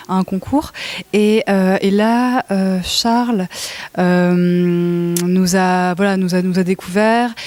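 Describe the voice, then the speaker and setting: A woman's voice: mid-range voice, mellow. A woman musician from Belgium answering interview questions hesitantly, with many fillers and restarts. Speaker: musician guest. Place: festival interview, Montreal.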